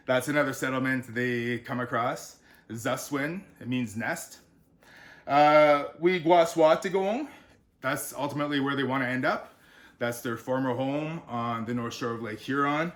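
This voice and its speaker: Man sounding out words slowly. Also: medium pitch. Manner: relaxed, explanatory, with frequent fillers. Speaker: author. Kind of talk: unscripted pronunciation lesson.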